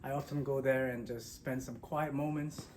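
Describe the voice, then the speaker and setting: A man's voice: medium pitch, steady tone, normal speed, a little mellow, a little hiss or hum. A man hosting a casual vlog outdoors in a village, joking playfully as he walks around. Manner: playful, jokes about being a king. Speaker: vlogger.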